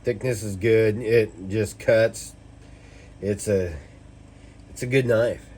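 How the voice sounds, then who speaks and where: Low male voice, tipsy rambling delivery, casual review chat, profane, noisy recording with clicks. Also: fairly even intonation, slow pace, darkish tone. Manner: tipsy, loose and rambling, as if drinking. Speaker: knife reviewer. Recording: noticeable background noise with clicks.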